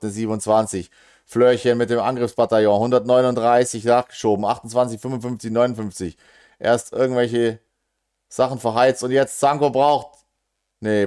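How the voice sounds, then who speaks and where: Excitable German man calling darts. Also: lowish voice, clear, resonant tone. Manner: excitable, joking, groans at missed checkouts; talks fast and casual with quick asides to the audience. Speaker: darts live commentator. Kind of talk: live game commentary.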